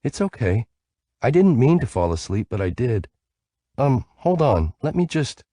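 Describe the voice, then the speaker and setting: A man's voice: mid-range voice, lively intonation, normal speed, darkish tone, no room sound, clean studio sound, voice pushed up, close to an everyday voice. A man doing a giggly, sleepy young woman. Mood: playful. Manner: giggly, rambling, playful.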